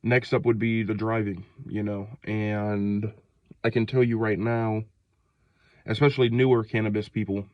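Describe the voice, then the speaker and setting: Sick and breathless out in the cold, a twentysomething vlogger from Ohio in the United States rambles through a slangy, casual rant full of fillers and restarts. His voice is on the low side, level and at normal speed, captured in lo-fi sound without room ambience.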